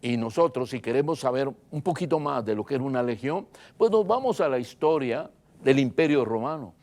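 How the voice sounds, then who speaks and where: A pastor preaching a sermon, emphatic and dramatic, swinging between loud and soft and repeating phrases for emphasis. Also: male voice, animated, fairly quick. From Guatemala. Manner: emphatic preaching with wide swings in loudness and pitch.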